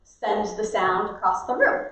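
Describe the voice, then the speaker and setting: A woman drama teacher demonstrating class warm-ups with clear instructions and loud chants. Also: mid-range voice, a little slow. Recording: echoey room, distant mic.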